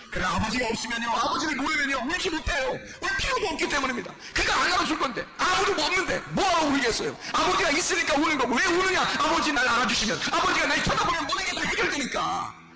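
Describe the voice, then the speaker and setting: A male pastor preaching a sermon and leading a shouted healing prayer with fervent intensity. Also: very high voice, heavy background noise. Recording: loud music behind the voice. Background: loud church music.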